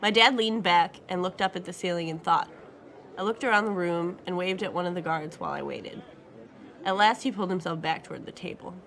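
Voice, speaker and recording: A woman narrating a first-person crime story in a steady, matter-of-fact, wry way. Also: lowish voice, brisk.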